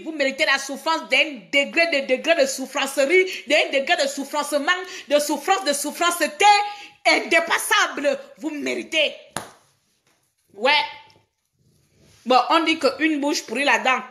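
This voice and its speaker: A woman's voice: high-pitched, a little slow, a bit bright. A woman from Gabon, hosting a live stream and scolding her audience with rhetorical questions. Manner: indignant, scolding, repeats herself with rhetorical questions. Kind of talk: heated live-stream rant.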